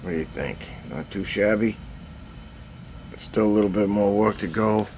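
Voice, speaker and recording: A man's voice: fairly low pitch, moderate pace, a little mellow, slight background noise. An older man giving a rambling, self-deprecating show-and-tell of his miniatures, filmed on a handheld camera in a cluttered basement hobby room. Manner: rambling, self-deprecating, frequent throat clearing. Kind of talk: casual show-and-tell update.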